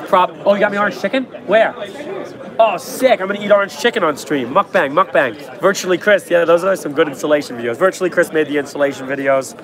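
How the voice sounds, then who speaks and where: A young man with a fairly high voice, hoarse from a cold, livestreams from a trade show floor and answers chat in quick, offhand jokes. He holds his phone at arm's length in a noisy, crowded convention hall, with crowd chatter all around.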